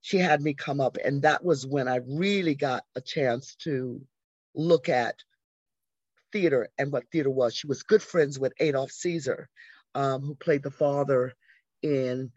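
Animated older woman telling stories, dry sound. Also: very deep voice, unhurried, breathy edge, no room sound. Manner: animated storyteller who acts out quoted voices. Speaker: interview guest, arts educator. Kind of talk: conversational storytelling. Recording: dry, slightly dull lo-fi audio.

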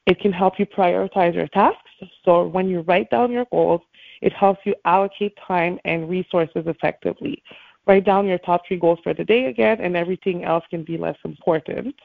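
A woman's voice: on the low side, normal speed, vocal fry, dry recording. A woman speaking as a morning show host, giving an encouraging motivational talk and addressing her listeners directly, over a call line. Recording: thin phone-like call audio.

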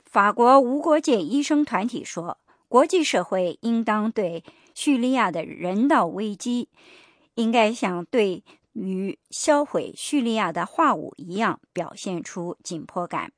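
A woman reading the radio news in an even, formal delivery. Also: mid-range voice, measured pace, dry recording, studio quality. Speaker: newsreader.

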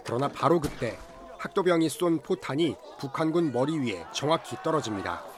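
A man's voice: fairly high pitch, expressive, moderate pace, background noise. A man delivering scripted film recap narration in a formal storytelling manner.

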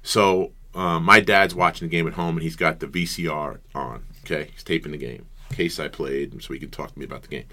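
A middle-aged man, a former college basketball player, telling stories as a guest in an interview and acting out the quotes with lively energy. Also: extremely low pitch, fairly quick, few pauses. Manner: animated storyteller, acts out quotes loudly. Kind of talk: storytelling interview chat.

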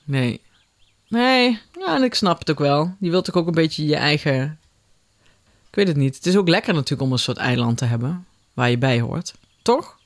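A man's voice: fairly high pitch, expressive, moderate pace. A middle-aged man from the south of the Netherlands. He chats casually, often breaking off his own sentences and circling back as he tells a story. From Limburg, Netherlands. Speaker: podcast guest. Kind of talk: casual chat.

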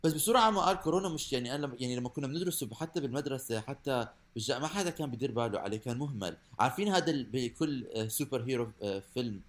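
A young man with a Levantine Arabic accent talks at a very rapid clip in a mid-range voice. He chats casually as a podcast co-host, tripping into restarts and repeating phrases as he goes. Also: mid-range voice, expressive. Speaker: podcast co-host with microbiology training. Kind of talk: casual comedic podcast chat.

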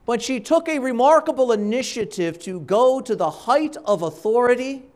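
A man speaking as a priest at Mass, reading and preaching in a measured, deliberate way with dramatic pauses between short phrases. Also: very high-pitched, lively intonation, darkish tone. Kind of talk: Gospel reading and homily at Mass.

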